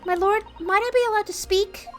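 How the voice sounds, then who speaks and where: A woman's voice: extremely high pitch, fairly quick, fairly bright tone, soft background music, pitched above the performer's own voice. A woman voicing a determined, formal and articulate young courtroom defense assistant in a video game. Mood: polite. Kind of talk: video game read-aloud voice acting.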